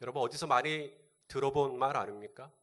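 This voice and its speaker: A man's voice: medium pitch, brisk, fairly bright tone. A male pastor delivering a sermon, asking the congregation rhetorical questions and answering them.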